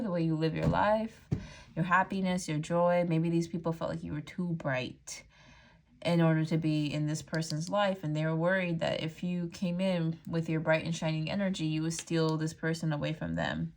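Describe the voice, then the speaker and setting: A tarot reader speaks straight to her audience in a lowish voice, the audio carrying a little hiss or hum. The reading is casual and chatty, with frequent "like" and "um", and she's quick to laugh.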